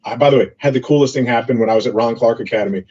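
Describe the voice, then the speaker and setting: A man's voice: medium pitch, racing, a little mellow, husky. A man talking as an interview guest, telling business anecdotes in a loose, filler-heavy way. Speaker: entrepreneur guest. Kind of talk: casual interview storytelling. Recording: dull lo-fi audio.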